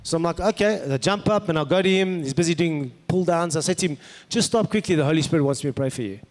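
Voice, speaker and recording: High-voiced South African male preacher in a hall. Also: quick pace. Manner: conversational, rhetorical questions to the listeners. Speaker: pastor preaching to a congregation. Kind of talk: sermon with personal anecdotes. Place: large indoor hall, preaching to an audience. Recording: echoey hall with long reverb.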